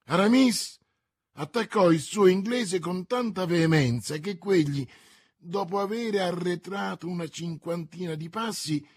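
A man narrating a classic novel aloud in a steady, measured storytelling manner. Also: sits high, breathy edge, dry recording, studio quality. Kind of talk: audiobook reading of a classic novel.

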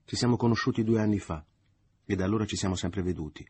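A man reading the part of a dreamy young woman who tells a tender lie, in a softly pleading manner. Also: lowish voice, fast talker, slightly rough. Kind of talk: audiobook reading.

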